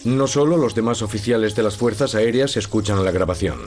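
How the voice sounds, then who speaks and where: Serious male documentary narrator, fairly low. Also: a little mellow. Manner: measured, serious storytelling. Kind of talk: scripted narration. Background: background music.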